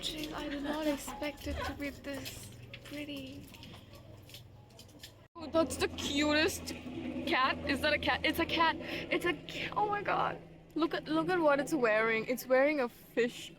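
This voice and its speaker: A slightly high-voiced young woman filming a casual vlog on a handheld camera. Her talk turns from shy, mumbled asides to squealing excitement over anything cute. A faint hiss of noise sits under her voice. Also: measured pace. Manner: chatty, excitable, gushing over cute things; self-conscious, sometimes quiet and mumbled. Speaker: vlogger and student.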